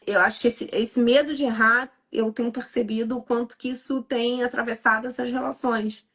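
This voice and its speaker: A woman psychologist and mother speaking in a casual podcast conversation, in a reflective, measured way. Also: on the high side, fairly even intonation, a bit bright.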